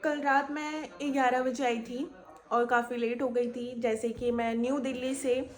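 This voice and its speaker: A woman's voice: a little high, level tone, measured pace, a faint crowd. A young woman vlogging on a crowded local train, chatty and storytelling, retelling her conversations at length. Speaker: travel vlogger. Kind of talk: casual vlog storytelling.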